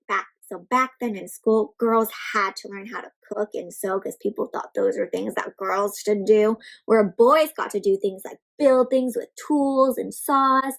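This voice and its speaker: A children's read-aloud host, a woman with a high voice, reads a picture book expressively and interactively. She stresses words and turns to her young listeners with simple questions and explanations. The recording quality is rough.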